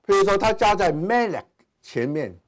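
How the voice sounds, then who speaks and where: A man's voice: sits high, sing-song, moderate pace. A man teaching Hebrew grammar in a classroom lecture, dropping in English terms and many "ah" and "ha" fillers. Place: classroom with whiteboard.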